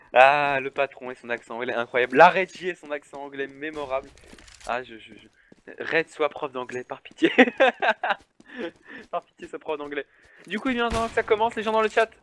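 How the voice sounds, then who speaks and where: A man's voice: a little high, a bit bright. Chatty man casting esports. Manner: chatty, self-mocking, answers chat questions. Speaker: esports caster. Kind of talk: solo pre-match stream commentary.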